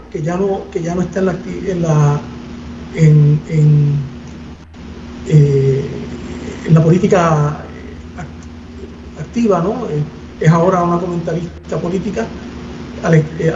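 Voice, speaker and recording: Man lecturing from far off. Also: high voice. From Puerto Rico. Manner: measured, thoughtful, frequent hesitations. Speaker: guest lecturer. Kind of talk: academic seminar answer. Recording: distant roomy muffled recording with faint noise.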